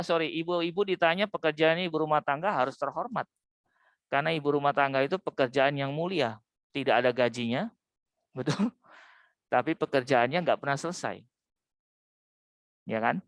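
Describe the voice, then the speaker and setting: A middle-aged man, giving a lively, humorous sermon with folksy asides. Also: fairly high pitch, clean tone, no echo, studio quality. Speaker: Buddhist Dhamma speaker.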